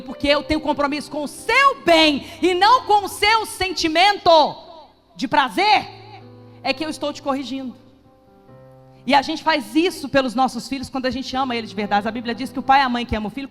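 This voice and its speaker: A woman pastor preaching a sermon with passion, rising to shouts at its peaks. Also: high-pitched, fairly quick. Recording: echoey church hall with music behind.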